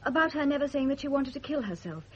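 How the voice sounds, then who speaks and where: In a 1970 radio drama, an actress plays a distraught, loyal woman pleading earnestly and beseechingly. Her high voice is animated and fast. The old recording sounds dull and band-limited.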